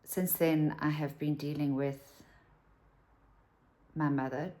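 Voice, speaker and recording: Her voice is low-pitched, mellow and steady, and she talks slowly. She's a South African woman in her fifties, a vlogger rambling candidly to camera at home and whispering the occasional aside.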